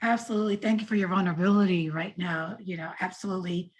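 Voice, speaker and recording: Husky-voiced woman moderator. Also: fairly low pitch, fairly even intonation, fast. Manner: attentive, affirming. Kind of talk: panel moderation.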